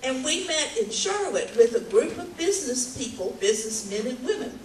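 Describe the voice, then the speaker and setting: A woman's voice: high voice, big pitch swings, normal speed. A woman giving an earnest, persuasive speech to a crowd in a large hall. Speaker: speaker at a rally. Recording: echoey room, distant mic, faint ambient noise.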